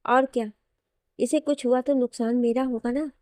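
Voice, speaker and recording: A man's voice: very high voice, fairly even intonation, moderate pace, darkish tone, clear, resonant tone, no room sound, clean studio sound. A woman voicing a mischievous young husband who teases his wife and friend. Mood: mock-indignant. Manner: mischievous, teasing. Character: playful teasing young husband.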